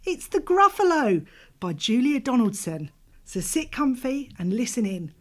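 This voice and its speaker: A woman hosting an animated read-aloud for young children in an overbright, singsong way. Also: fairly high pitch, unhurried. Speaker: nursery staff storybook reader.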